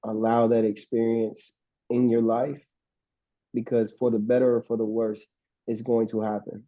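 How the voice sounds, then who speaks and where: A man's voice: mid-range voice, level tone, normal speed, no echo. A man speaking as a guest to students, giving motivational advice in an earnest way that repeats his urgings. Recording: dull, dry, muffled mic.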